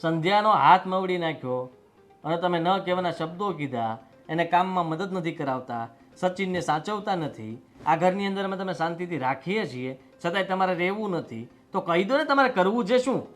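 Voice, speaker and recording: A man's voice: sits high, expressive, normal speed, fairly bright tone, faint music behind. A man playing a young husband who scolds his mother in a family drama. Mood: angry. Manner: indignant, scolding. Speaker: son and husband.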